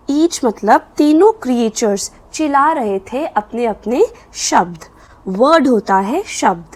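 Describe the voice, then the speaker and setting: Lady teacher going thru a kids poem super slow, voice a bit high, explains each line. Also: poor audio. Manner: reads poem lines very slowly and deliberately, then explains in Hindi. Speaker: English teacher. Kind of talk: poem explanation lesson for children.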